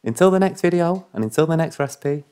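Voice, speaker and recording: A man's voice: a little high, animated, quick pace, a little mellow, clear, resonant tone. A man hosting a cocktail recipe video, talking viewers through each step in a chatty, playful way with apologetic asides. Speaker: cocktail show host. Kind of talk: recipe tutorial voice-over.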